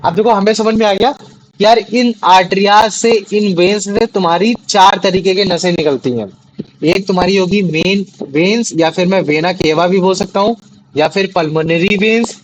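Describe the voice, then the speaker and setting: A man's voice: high-pitched, rough recording. A young man teaching a classroom lesson, often repeating questions to check that the students follow. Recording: faint background noise.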